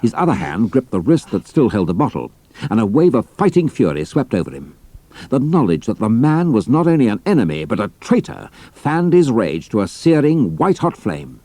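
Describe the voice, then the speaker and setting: A man's voice: medium pitch, sing-song, normal speed, mellow, no echo. A man narrating an adventure story in a scripted, dramatic style.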